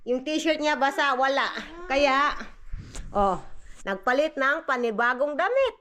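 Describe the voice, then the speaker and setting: High bright Visayan-accented Filipino mother. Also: expressive, unhurried. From Philippines. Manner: chatty, mixes languages, coos at the baby. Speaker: vlogger and mother. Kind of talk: casual home vlog chat. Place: family home indoors.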